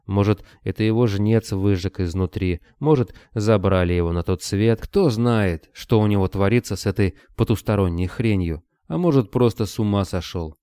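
A gruff bearded hunter barks short, grim orders in a deep, dark voice, as a male narrator puts him on. The sound is clear and dry. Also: moderate pace, few pauses, no room sound, lightly acted. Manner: barking, curt orders. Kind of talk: audiobook character voice.

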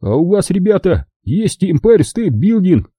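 A man's voice: high voice, very animated, moderate pace, mellow, breathy edge, no room sound, clean studio sound, pitched above the performer's own voice, exaggerated voice. A man voicing a cheeky, argumentative mover who complains indignantly.

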